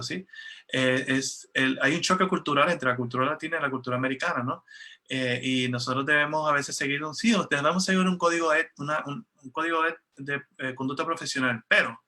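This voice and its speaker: Un hombre que interpreta una conversación en una videollamada y habla en tono conversacional, con muchas muletillas y frases que vuelve a empezar. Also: male voice, a little high, pushed and bright. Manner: conversational, with frequent fillers and restarts. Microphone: video call.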